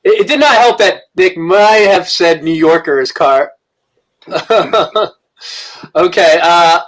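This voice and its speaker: A man hosting improv comedy games over a video call. He halts often and pads his lines with fillers. His voice sits fairly high. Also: a bit bright, low-quality recording. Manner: halting, lots of fillers, laughing. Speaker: host.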